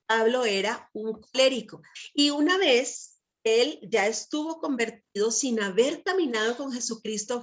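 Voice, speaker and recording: A middle-aged woman with a somewhat high voice delivers a Bible teaching talk. She speaks with emphatic conviction and keeps asking her listeners short checking questions as she goes. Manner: peppers speech with tag questions to listeners.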